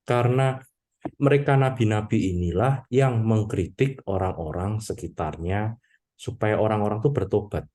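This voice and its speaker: Low, mellow-voiced priest giving a sermon. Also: male voice, normal speed. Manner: conversational, peppers talk with "gitu ya" and "ya toh"; addresses congregation as "Bapak Ibu".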